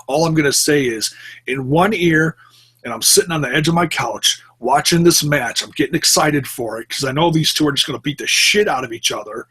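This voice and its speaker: A man's voice: a little high, a little fast, pushed and bright, breathy edge. A married man co-hosting a wrestling podcast, telling stories in a laid-back way and laughing easily. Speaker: podcast co-host. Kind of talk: casual wrestling podcast chat.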